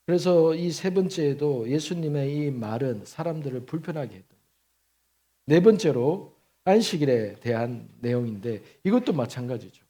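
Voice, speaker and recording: A man in his fifties, a pastor preaching a sermon, telling stories in an emphatic, animated way. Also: fairly high pitch. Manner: storytelling with lively acted quotes and laughter.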